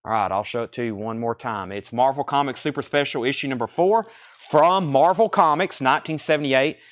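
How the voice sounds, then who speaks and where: A man's voice: mid-range voice, a little fast. A man hosting a live record sale like an auctioneer, calling out items, prices, bids and names in unscripted sales patter.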